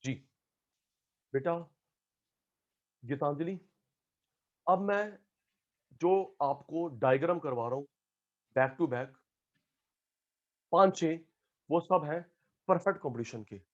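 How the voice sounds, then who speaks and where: A man's voice: fairly high pitch, slow, long pauses, lo-fi sound. A male teacher running an online class, calling out students by name and repeating key terms again and again.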